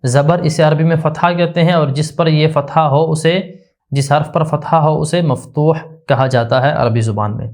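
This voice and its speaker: Guy teaching a grammar class, keeps asking "what is it?" then answering, slow and repetitive. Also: a little high, steady tone, a little mellow. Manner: drills by asking questions and answering them himself; slow, deliberate, repetitive explanation. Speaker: religious teacher.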